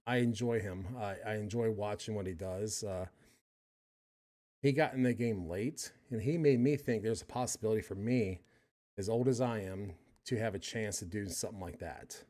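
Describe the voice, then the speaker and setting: A middle-aged man hosts a stream where he reacts to a podcast, offering casual, rambling personal commentary with frequent restarts. His voice sits on the low side and sounds warm.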